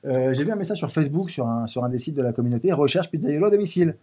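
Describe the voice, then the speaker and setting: Man, guest in studio, husky and mellow, lively talker. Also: a little high, rapid-fire. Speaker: pizza business founder, guest. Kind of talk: casual studio interview.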